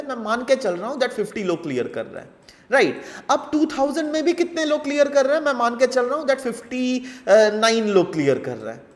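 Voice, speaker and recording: A man's voice: high voice, long reverb tail. A male geography teacher with an Indian English accent, explaining a lesson conversationally and checking in with his students. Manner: conversational, checks in often with "right?" and "है ना?".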